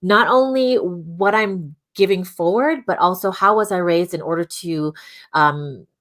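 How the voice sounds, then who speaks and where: A woman's voice: lowish voice, unhurried, a bit bright. Reflective woman guest on a video call. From Hawaii. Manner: reflective, many fillers and restarts. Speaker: guest, audiologist. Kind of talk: casual interview conversation.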